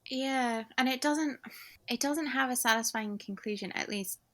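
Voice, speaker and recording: A woman's voice: high voice, moderate pace. A woman co-hosting a podcast, building long analytical arguments in casual chat. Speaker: podcast co-host. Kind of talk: casual film discussion.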